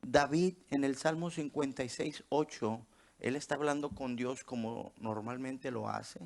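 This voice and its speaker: A man's voice: mid-range voice, a little slow, gravelly. A man preaching a sermon as pastor, tossing out rhetorical questions and checking in with the congregation as he goes.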